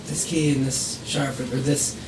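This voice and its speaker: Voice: medium pitch, level tone, normal speed, recorded from a distance. A songwriter in a band chatting casually, laughing as they speak and using fillers. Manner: laughs while talking, fillers like "like". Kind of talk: casual interview chat. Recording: off-mic voice with clear background hiss.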